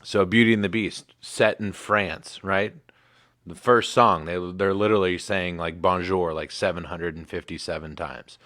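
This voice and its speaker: A man's voice: sits low, moderate pace, fairly bright tone, dry recording, studio quality. A man in his thirties hosting a casual livestream sports show, laid-back and rambling with plenty of fillers. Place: home in Michigan.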